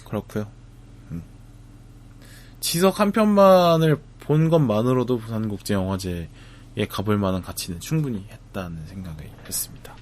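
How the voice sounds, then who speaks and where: A man, talking to camera about a film festival trip in a reflective, casual way, with frequent pauses, fillers and restarts. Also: on the low side, expressive, darkish tone, slight background noise. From Busan, South Korea. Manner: thoughtful, hesitant, many fillers and restarts.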